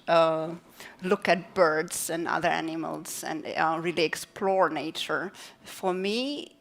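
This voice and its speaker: Scientist on a panel: woman, lowish voice, earnest recollection. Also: fairly bright tone. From Baltic Sea coast. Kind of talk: panel conversation.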